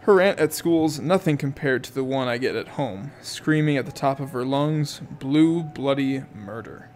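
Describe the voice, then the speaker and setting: A man's voice: mid-range voice, normal speed, darkish tone. A man reading a novel aloud in first person, in a casual amateur audiobook style with asides and self-corrections. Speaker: audiobook reader.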